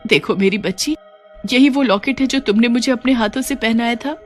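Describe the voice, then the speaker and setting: A woman's voice: fairly high pitch, a little fast, darkish tone, soft background music, voice pushed up, lightly acted. A woman voicing a widowed mother who has become a witch ghost in a cartoon, speaking in a lamenting, emotional way. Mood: tender.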